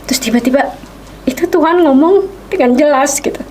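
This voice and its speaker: A woman, a guest on a podcast, telling a personal testimony in a lively way and acting out what people said. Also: sits high, a little fast, a little hiss or hum. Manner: animated storytelling, acts out quoted speech. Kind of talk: casual podcast interview.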